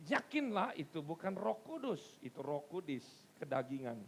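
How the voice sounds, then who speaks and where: A male pastor preaching in church, casual and conversational, with sudden loud emphasis on key words. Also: a little high, big pitch swings, moderate pace, vocal fry, slight background noise. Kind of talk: sermon.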